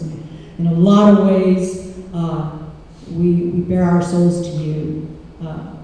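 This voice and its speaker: A woman's voice: on the low side, dark tone, a little hiss or hum. A woman hosting a live stage event, talking in a casual, rambling way with many fillers. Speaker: event host. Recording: echoey hall from far off.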